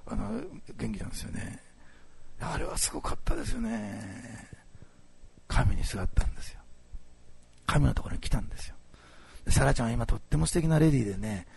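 A male pastor delivering a sermon in a heavily gravelly, husky voice. He talks fast and his pitch leaps around, with sudden loud bursts and hushed asides. The sound is dry and close. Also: dry recording. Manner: animated, swings between loud and hushed. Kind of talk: sermon with storytelling.

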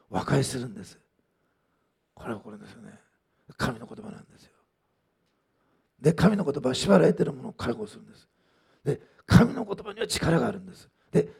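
Gravelly, dark-voiced man preaching. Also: mid-range voice. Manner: conversational, frequent "ね" asides, many fillers. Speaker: pastor. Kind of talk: sermon with testimony.

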